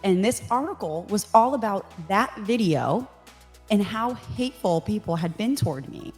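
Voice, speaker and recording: A woman's voice: medium pitch, lively intonation, moderate pace, a little mellow, soft background music. A woman in her thirties, a life coach, talking candidly and with self-mocking humor in a podcast interview, laughing often. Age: 30s.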